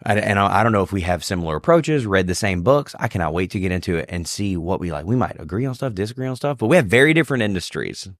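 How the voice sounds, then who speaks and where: A young man hosting a podcast, telling jokes and stories in a quick, animated way. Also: sits low, no room sound, clean studio sound. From Louisiana. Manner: joking storyteller, quick and animated. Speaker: podcast host. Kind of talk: casual chat.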